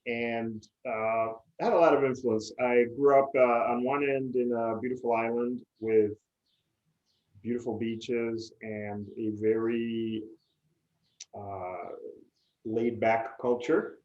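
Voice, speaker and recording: A man from Puerto Rico, a native Spanish speaker, answering interview questions thoughtfully with many filler pauses. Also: mid-range voice, steady tone, lo-fi sound. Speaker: interview guest, PR agency CEO.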